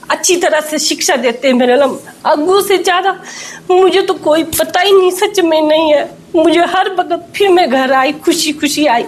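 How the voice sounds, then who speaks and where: Speaking at a fairly high pitch over faint background noise, a church member gives her testimony to an interviewer. She tells it like a story, performing each quoted line as it comes.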